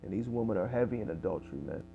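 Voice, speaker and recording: A man's voice: on the low side, lively intonation, racing, creaky, narrow, tinny audio, faint music behind. A man preaching in casual street style, reading scripture aloud and tagging lines with "okay?" and "man". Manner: fills with "man" and "okay?", reads verses louder.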